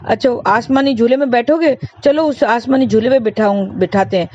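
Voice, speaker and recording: A woman's voice: on the high side, fairly quick, a little mellow, lightly acted. A kind stranger comforting a lost boy, as a woman storyteller puts him on, soothing and coaxing him with offers. The sound is dull and lo-fi. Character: kind adult man comforting a lost child.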